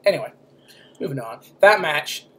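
A man's voice: a little high, expressive, normal speed, bright, forceful tone. A man co-hosting a podcast, talking casually, joking crudely and laughing often. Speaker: podcast co-host.

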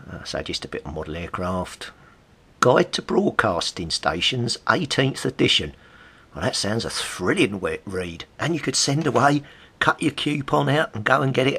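A middle-aged Englishman with a medium-pitched, slightly bright, husky voice and some vocal fry chats casually while leafing through old magazines. He's a vlogger and CB radio hobbyist who reads bits aloud and adds wry, amused asides.

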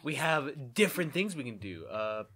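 A man's voice: mid-range voice, sing-song, moderate pace, a bit bright. A man hosting a gameplay video with joking, sarcastic commentary, mock exasperation and exaggerated, overacted exclamations.

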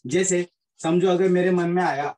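Higher-voiced man teaching physics. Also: steady tone, moderate pace, darkish tone, rough recording. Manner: repeats points, checks understanding often. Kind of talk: classroom lecture mixing Hindi and English.

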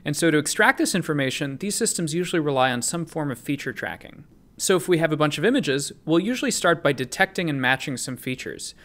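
A man's voice: a little high, animated, fast, fairly bright tone. A young man presenting his research paper in a recorded conference talk, explaining step by step and answering his own questions.

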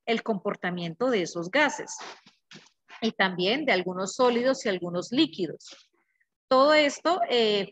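A woman teacher, giving a class lecture. She explains patiently, repeats the key words and checks in with her students. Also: on the high side.

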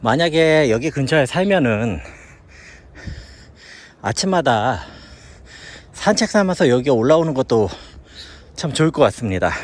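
Middle-aged Korean man, outdoor walking vlog, lively rising and falling speech. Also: on the high side. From South Korea. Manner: chatty, musing aloud while hiking. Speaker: vlogger living in China. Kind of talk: casual walking commentary. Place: outdoors on a hillside park.

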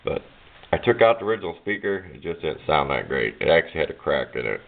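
A DIY electronics hobbyist rambles plainly through an informal hands-on project demo at his home workbench, filmed on a handheld camera whose audio is muffled and narrow like a phone. His rumbling low voice is creaky, fast-talking, and full of big pitch swings.

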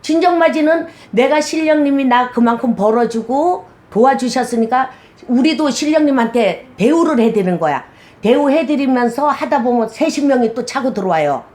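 A middle-aged woman with a slightly high voice speaks as a shaman in a casual interview. She talks bluntly and with animation, slipping into other people's voices as she retells conversations. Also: normal speed. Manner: blunt, animated storytelling with quoted dialogue.

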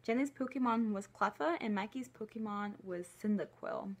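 Her voice is husky and mid-range, at a normal speed: a young adult woman and video creator reading her own story casually on camera. Set indoors in a living room, the reading is broken up by playful, mock-indignant asides.

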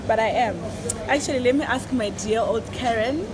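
A young woman from Zimbabwe chats and teases as she films her own vlog, her voice sitting a little high. It is caught on a handheld phone, and loud traffic and street noise run underneath. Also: moderate pace. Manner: playful, teasing banter. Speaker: vlogger. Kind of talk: casual vlog chat. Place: parked car, then a shop. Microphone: handheld phone camera.

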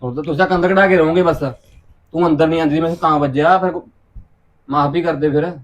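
A man's voice: on the high side, steady tone, brisk, lo-fi sound, lightly acted. An actor with a Punjabi accent playing an exasperated husband caught between his wife and his sister, pleading with her to stop. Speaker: husband in a joint family. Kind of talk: short film acting.

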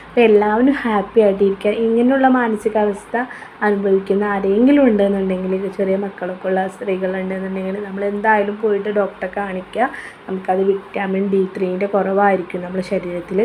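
Chatty mother, even flat tone. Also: mid-range voice, brisk, slight background noise. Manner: chatty, keeps adding a tag word, warm motherly advice. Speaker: vlogger. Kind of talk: casual vlog chat.

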